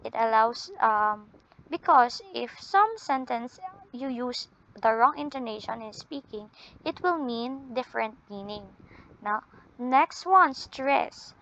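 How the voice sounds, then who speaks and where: A woman teacher with a Filipino accent giving an English lesson, drawn out and deliberate, often ending points with a questioning "no?". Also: a little high, expressive, fairly bright tone. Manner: ends points with tag "no?". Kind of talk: classroom lesson. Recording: dull lo-fi audio.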